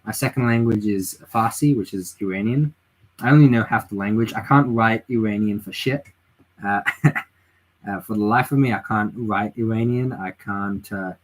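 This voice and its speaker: On poor audio, a tired man with a fairly low voice, a native English speaker, runs a late-night political livestream from home. He rambles through his views, reads chat aloud, and restarts often with plenty of fillers.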